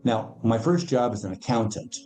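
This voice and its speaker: Faint music plays behind a man whose lowish voice is mellow and moderately paced. Appearing on a podcast as a financial educator, he explains things casually and tells emphatic stories, acting out the people he quotes.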